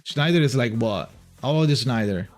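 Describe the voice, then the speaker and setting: Here an Italian-accented man from Italy chats with his livestream audience, reading out their messages. His voice is medium in pitch, lively in intonation, and moderately paced over soft background music. He tends to ramble and keeps restarting.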